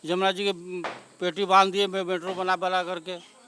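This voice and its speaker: A local man answering a reporter out on the street in a high, sharp voice. He sounds resigned and bitter, piling up grievance after grievance. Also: level tone, moderate pace, slight background noise. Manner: resigned, then bitter and indignant. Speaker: local resident, temple priest. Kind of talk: street interview. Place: outdoors at a demolition site.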